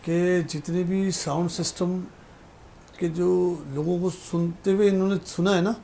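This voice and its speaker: A man's voice: high-pitched, flat delivery, gravelly, dark tone, a little hiss or hum. A man on a TV panel judging young reciters, speaking reflectively and critically. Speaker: naat competition judge.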